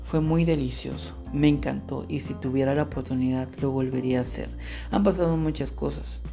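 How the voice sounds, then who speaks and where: A man's voice: mid-range voice, fairly even intonation, fairly quick, creaky, warm tone, soft background music. A man co-hosting a podcast, reading a listener's story aloud in a frank, chatty and playful way. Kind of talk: casual chat and reading aloud.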